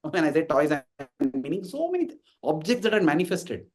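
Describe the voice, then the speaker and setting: A man's voice: a little high, big pitch swings, brisk. A man in his forties with an Indian English accent, giving an emphatic devotional talk to a congregation and acting out the dialogue in his stories. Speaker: invited speaker at a devotional gathering.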